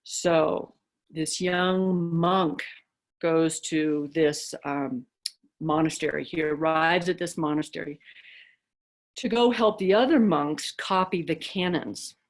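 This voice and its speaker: A woman's voice: low-pitched, slow pace. A woman dharma teacher giving a reflective talk, telling stories with casual fillers.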